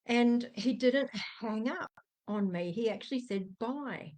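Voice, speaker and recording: A woman's voice: fairly high pitch, unhurried. A middle-aged woman, telling a personal story to camera and acting out the dialogue with frequent laughs. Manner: animated, acts out quoted dialogue, laughs often. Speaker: energy coach.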